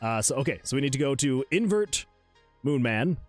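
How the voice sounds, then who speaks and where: A man developing a game solo, chatting casually on a livestream as he fiddles with his software, rambling and restarting his sentences and often laughing at himself. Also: medium pitch, sing-song, moderate pace, dry recording, soft background music. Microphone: USB desk microphone.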